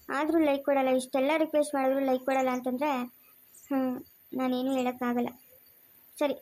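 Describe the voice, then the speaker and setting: Fast-talking high-voiced woman host. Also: darkish tone, poor audio. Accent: Kannada, Chikkaballapur area. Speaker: channel host and actor. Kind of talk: family drama acting and direct appeal to viewers.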